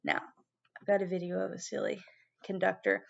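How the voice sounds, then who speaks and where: A woman giving a video music lesson to young children as their teacher, animated and prompting them with questions. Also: medium pitch, fairly quick, vocal fry, lo-fi sound.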